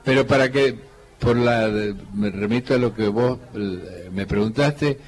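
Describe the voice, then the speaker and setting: A man from Cuyo, Argentina, with a Cuyo Argentine accent, a folk guitarist telling stories in a relaxed conversation and quoting others as he goes. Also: mid-range voice. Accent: Cuyo Argentine Spanish. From Cuyo region, Argentina. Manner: unhurried storyteller who quotes others and hums lines. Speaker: folk guitarist and singer, interview guest.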